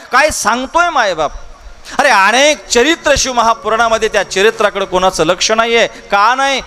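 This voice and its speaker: A man's voice: very high-pitched, bright, forceful tone. A man preaching a devotional katha sermon with a Marathi accent, full of rhetorical questions to the crowd and repeated phrases. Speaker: kirtan preacher telling the Shiv Mahapuran katha. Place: large public gathering at a festival.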